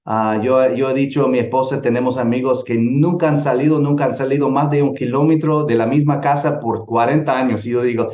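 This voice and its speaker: A middle-aged man from El Salvador giving an earnest church missions lecture, often pausing and restarting phrases. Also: mid-range voice, fairly even intonation, dark tone. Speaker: missions teacher. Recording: roomy, dull lo-fi sound.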